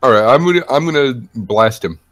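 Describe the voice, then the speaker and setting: A man's voice: medium pitch, expressive, brisk, fairly bright tone. A young man playing a tabletop game, eager and blunt. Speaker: player. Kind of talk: casual tabletop play.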